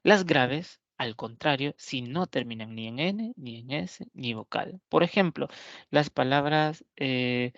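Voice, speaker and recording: A male teacher giving an explanatory grammar lesson, asking rhetorical questions, answering them himself, and saying example words slowly. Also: mid-range voice, expressive, fairly bright tone, dry recording. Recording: dull lo-fi dry recording.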